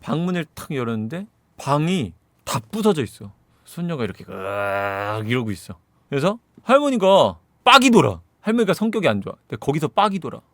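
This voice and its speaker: A man casually recapping a movie, telling it with animated energy and sound effects. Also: on the high side, fairly quick, dry recording. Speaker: movie reviewer.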